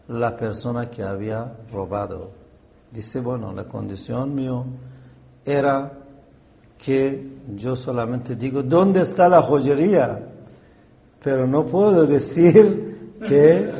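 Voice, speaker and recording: A man speaking slowly in a mellow, warm voice, recounting a story of faith as a religious teacher. He pauses often with fillers and clears his throat between phrases. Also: medium pitch.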